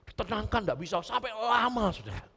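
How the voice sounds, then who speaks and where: A male pastor preaching a storytelling sermon, often turning to his congregation and swinging between loud emphasis and hushed lines. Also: sits high, brisk, slightly rough. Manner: animated storytelling, often addressing listeners as brothers and sisters. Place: church. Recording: long church reverb.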